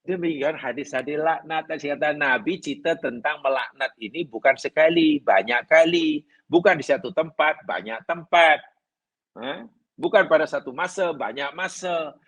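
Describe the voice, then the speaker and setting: Husky man teaching a class. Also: on the high side, moderate pace, a bit bright, lo-fi sound. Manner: conversational, illustrates points with everyday examples. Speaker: religious teacher. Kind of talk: classroom lecture on hadith. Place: class at an Islamic study centre.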